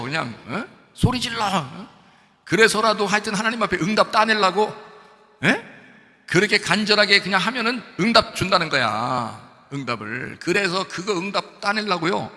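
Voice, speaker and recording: Emphatic male pastor in reverberant hall. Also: on the high side. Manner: emphatic, rhetorical questions, swings between loud urging and quiet asides. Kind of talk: sermon. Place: church sanctuary.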